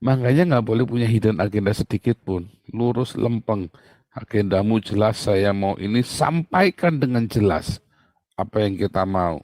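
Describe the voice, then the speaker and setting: A middle-aged man preaching a sermon in a chatty, animated way with casual asides. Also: fairly low pitch, normal speed, dry recording.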